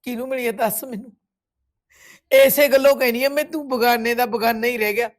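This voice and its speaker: A woman's voice: a little high, fairly even intonation, brisk, close to an everyday voice. An actress with a Punjabi accent playing a grieving village woman who bitterly reproaches a family friend. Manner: reproachful, tearful accusations. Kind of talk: village web series drama.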